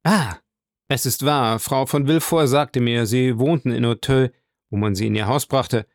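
An uneasy prosecutor from a storybook, stiff and formal, whose replies come out pressed and halting, as a male reader plays him. The voice is gravelly and recorded dry and close. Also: medium pitch, no echo, lightly acted. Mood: strained.

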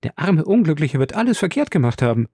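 A man reading the part of a lively, teasing young nobleman with animated, exclaiming lines in an audiobook. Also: fairly high pitch, quick pace, gravelly, husky, no echo, studio quality, voice pushed up, exaggerated voice.

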